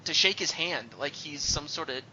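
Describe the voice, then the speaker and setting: A man in his thirties co-hosting a sports podcast, an animated storyteller who gets loud when excited. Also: a little high, normal speed, over a noisy crowd. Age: 30s. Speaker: podcast co-host. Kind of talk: casual chat. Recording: slightly dull podcast audio with faint noise.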